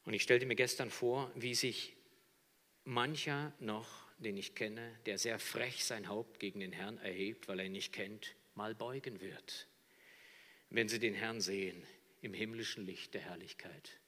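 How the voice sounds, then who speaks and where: A man preaching a sermon, swinging dramatically between hushed near-whispers and loud, soaring shouts. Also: on the low side, steady tone, unhurried, big-room sound.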